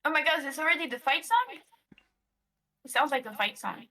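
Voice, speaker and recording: A woman's voice: high-pitched, big pitch swings, brisk, a crowd in the background. A woman who plays tabletop games, chatting casually. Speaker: tabletop game player. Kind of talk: casual chat. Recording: music playing behind. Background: music.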